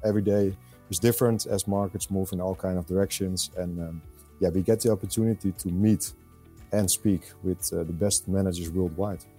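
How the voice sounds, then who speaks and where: A middle-aged man from the Netherlands with a Dutch accent, answering interview questions in a measured way with frequent hesitations. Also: low voice, steady tone, dark tone, breathy edge, faint music behind. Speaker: podcast guest, fund selector.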